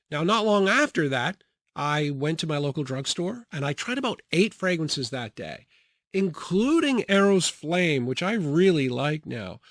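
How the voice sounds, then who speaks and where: A young man chatting casually about his fragrances, relaxed, with many fillers and frequent laughs. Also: a little high, dry recording, clean studio sound. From grew up partly in the Bahamas and Jamaica. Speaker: fragrance reviewer. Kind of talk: casual product review.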